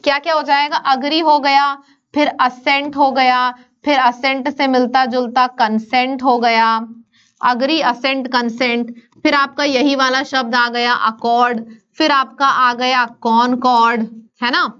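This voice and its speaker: Indian lady teacher, high voice, quick and coaxing, bit dull lo-fi sound. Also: level tone, a bit bright, clean tone. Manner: brisk, coaxing, mixes English into Hindi. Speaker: English vocabulary teacher. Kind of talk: online exam-prep lesson.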